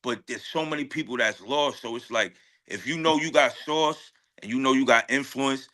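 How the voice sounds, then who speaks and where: A guest rapper speaks casually in an interview, his mid-range voice pushed and bright at a normal speed. He leans on heavy slang, sounds confident and emphatic, and keeps repeating his phrases.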